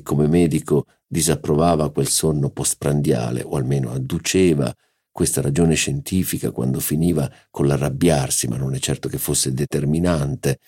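A man reading a classic novel aloud in a measured, even narration. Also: extremely low pitch, breathy edge. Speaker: audiobook narrator. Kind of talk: literary audiobook narration.

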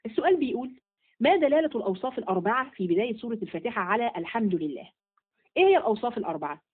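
A woman with an Egyptian accent teaches a religious study class at a very fast clip, often posing a question and answering it herself. Her voice sits a little high and sounds slightly husky. The audio comes through thin and tinny, like a phone line. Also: lively intonation. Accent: Egyptian Arabic. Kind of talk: Quran study lesson.

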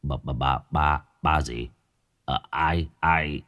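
A man reading a story, voicing a shocked old village father who stammers and repeats his words in a low, halting voice. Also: huge pitch swings, slightly rough, heavily acted. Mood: stunned.

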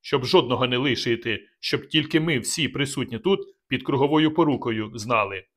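A man's voice: mid-range voice, normal speed, fairly bright tone, close to an everyday voice. A man voicing a fierce, embittered male peasant rebel leader who speaks harshly in an audiobook. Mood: bitter earnest. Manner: harsh, barking, rough-spoken.

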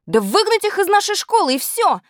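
A prim, strict schoolgirl voices her indignation at the class, as a woman puts her on. Her voice climbs high and swings about. The recording is dry and close. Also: animated, a little fast, dry recording, close to an everyday voice. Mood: indignant.

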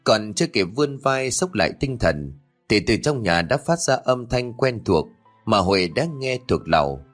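A man narrating a scripted audio story in an expressive reading. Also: on the low side, moderate pace, soft background music.

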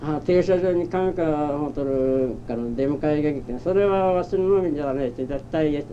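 An elderly man with a very dark, soft tone and a slightly high pitch reminisces in a halting, rambling way. His speech is rustic and old-fashioned. The recording is a dull, muffled old tape with faint noise behind him. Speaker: oral history interviewee. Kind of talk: reminiscing in a personal narrative. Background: faint background noise.

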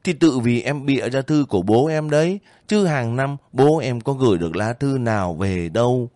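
A man voicing a lively, homesick young girl soldier who talks eagerly and breaks down in tears, in an audiobook reading. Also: mid-range voice, moderate pace, no room sound, close to an everyday voice. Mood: tearful. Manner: chatty, emotional, breaks into crying.

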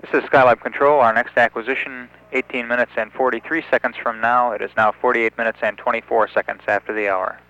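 A man giving live mission status commentary as a control announcer, procedural and sometimes halting. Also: mid-range voice, fairly even intonation, pushed and bright. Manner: halting, procedural, reads out times. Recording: dull, band-limited radio-style announcement feed.

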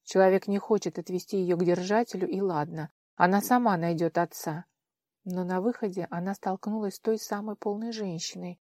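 A woman narrating an audiobook in an expressive, measured manner. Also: lowish voice, dry recording, clean studio sound. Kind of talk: scripted narration.

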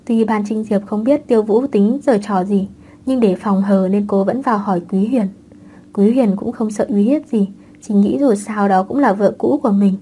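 A woman narrating a web novel audiobook in a calm, even storytelling manner. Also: medium pitch, normal speed, breathy edge.

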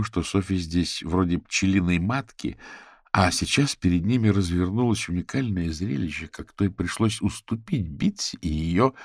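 A man narrating an audiobook in an expressive, measured reading on a close studio mic. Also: low voice, dry recording. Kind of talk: scripted narration.

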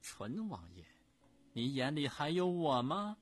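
A man voicing an imperious old Empress Dowager who scolds in a shrill, commanding voice. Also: very animated, moderate pace, slightly rough. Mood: angry.

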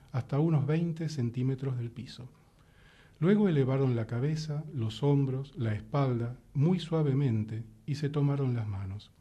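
A man narrates a literary short story in a calm, measured way. His voice sits at an ordinary pitch with a mellow, relaxed tone. The delivery stays even and unhurried, like a careful reader.

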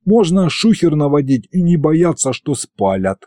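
A cheeky, slangy creature henchman with paws, eager and streetwise, as a male narrator puts him on. His voice rides higher than the narrator's and swoops about. The delivery stays dry and close, with a mellow tone. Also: very animated, a little slow, no echo. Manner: streetwise, calls the hero boss.

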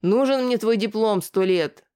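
The reader voicing a loud, furious middle-aged mother who shrieks coarse abuse in an audiobook. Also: normal speed, lightly acted. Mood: screaming abuse. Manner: shrill shouting.

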